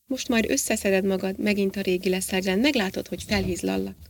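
A woman's voice: mid-range voice, creaky, no echo. A woman reading as a loving, anxious wife. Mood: tender. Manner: eager, soothing.

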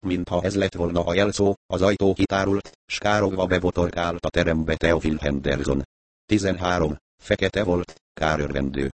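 A man narrating a novel in the first person, in a wry, even audiobook reading. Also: deep voice.

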